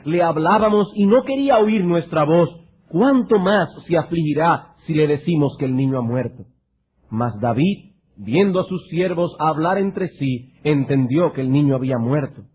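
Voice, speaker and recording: A man preaching a sermon, reading scripture and then urging his listeners in an emphatic style with big swings in pitch and loudness. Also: husky, low-quality recording. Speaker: pastor.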